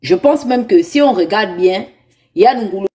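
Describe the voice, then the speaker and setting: A woman's voice: mid-range voice, lively intonation, measured pace, a little mellow. A woman hosting a live commentary, emphatic and exhorting her viewers. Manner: emphatic, exhorting, speaks in repeated appeals. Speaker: live show host.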